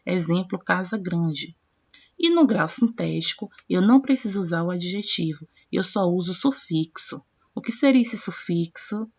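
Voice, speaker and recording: Female teacher, lower voice, patient step-by-step explainer, dull lo-fi sound. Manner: explanatory, reads word pairs slowly and addresses students directly. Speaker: Portuguese grammar teacher. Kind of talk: classroom-style grammar lesson. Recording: dull lo-fi recording.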